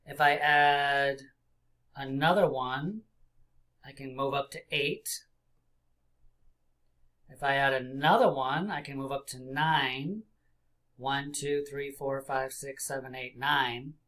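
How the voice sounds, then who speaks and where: A man in his forties speaks in the manner of a kids show host. His voice sits at a middling pitch as he teaches young children interactively. He encourages them with simple questions and leaves pauses for answers. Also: fairly even intonation, bright, forceful tone. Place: small indoor room.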